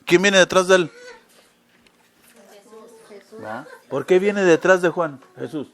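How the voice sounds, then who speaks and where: High-voiced preacher man. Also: slow, fairly bright tone. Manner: asks listeners frequent rhetorical questions. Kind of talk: sermon.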